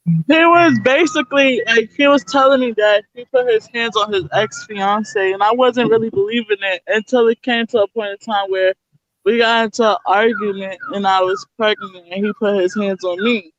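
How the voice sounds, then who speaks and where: A woman's voice: mid-range voice, steady tone, normal speed, dry recording, muffled recording. A young woman guest telling her own story bluntly and candidly, swearing freely. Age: young adult. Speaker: interview guest.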